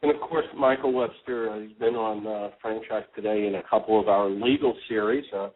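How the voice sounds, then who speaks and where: Man, radio talk show host, casual, rambling, lots of uhs, lowish voice, phone-line sound. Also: brisk. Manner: relaxed, rambling, frequent ums and uhs. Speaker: podcast host.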